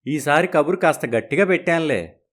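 A woman's voice: low voice, animated, brisk, pitched below the performer's own voice. A woman voicing an easygoing middle-aged husband in a storybook, teasing and reassuring his wife. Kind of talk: storybook narration.

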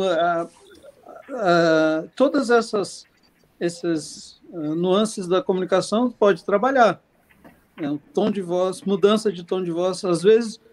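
A man's voice: high-pitched, darkish tone. A man co-hosting a podcast, chatting casually and rambling with lots of fillers. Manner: rambling, many fillers and restarts. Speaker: podcast co-host. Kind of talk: casual chat.

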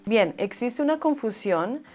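A woman's voice: a little high, expressive, darkish tone, faint music behind. Woman teaching English pronunciation. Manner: slow, careful repetition of model words. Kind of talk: scripted pronunciation lesson.

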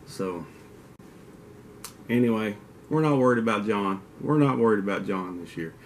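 Speaking at normal speed in a lowish, animated voice with slight background noise, the man casually vlogs to a desk webcam in an indoor den with mounted antlers. He's an outdoors channel host in his forties with a Kentucky southern drawl, rambling and trading teasing trash talk.

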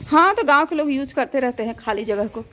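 This woman sounds bright and forceful, her animated voice sitting high and moving a little fast. She's a middle-aged mother from Bihar, India, with a Bihari Hindi accent, vlogging casually as she walks through an old village school and guides her son. Her phone is held at arm's length.

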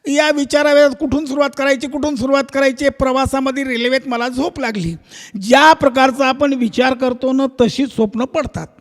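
Male stage comic from Maharashtra, high voice, lively storyteller, hall reverb. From Nanded, Maharashtra. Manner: animated, acts out voices and sounds. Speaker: comedian and shahir.

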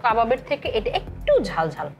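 Expressive and brisk, her high-leaning voice has a gravelly quality. She is a food vlogger with a Bangladeshi Bengali accent, chatting casually to camera in a restaurant as she reviews the food and mixes in English.

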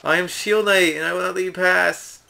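A man's voice: high voice, steady tone, brisk, vocal fry, bright, forceful tone, voice pushed up, full character voice. A man voicing a pompous, theatrical video game hero, reading the dialogue aloud. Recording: game music behind.

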